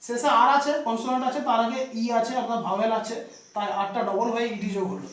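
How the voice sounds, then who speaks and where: A man's voice: extremely high pitch, fast talker. A male teacher giving a classroom grammar lesson, spelling words out letter by letter and often checking in with "okay?". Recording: echoey room, voice from far off.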